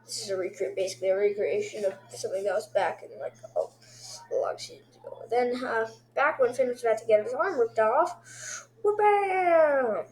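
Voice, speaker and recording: Excitable woman rambling through episode reviews. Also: on the high side, a little fast, slight background noise. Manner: excitable, rambling, makes sound effects.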